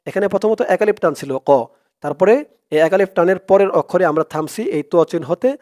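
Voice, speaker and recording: A high-pitched man teaches Quran reading methodically and slowly, breaking each word down by syllable. He then chants the words louder, stretching them out.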